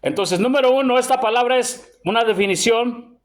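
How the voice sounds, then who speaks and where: A Mexican preacher in middle age, his voice sitting high for a man. He teaches in call-and-response, throwing questions out to the congregation and ending almost every phrase with "brother." When he reads scripture he slows down, drawn out and emphatic. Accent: Mexican Spanish. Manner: call-and-response, tags lines with "hermano"; slow emphatic verse reading. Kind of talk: church sermon teaching.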